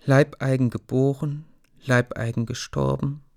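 A man's voice: medium pitch, fairly even intonation, unhurried, vocal fry, darkish tone, voice pushed up. A man voicing a fearful, grieving peasant mother in a storybook reading, pleading in a small voice. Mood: resigned.

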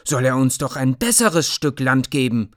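A man's voice: medium pitch, moderate pace, close to an everyday voice. A man voicing a bitter, defiant peasant boy in a storybook reading, speaking with indignant outrage. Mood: outraged. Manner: indignant, raised voice.

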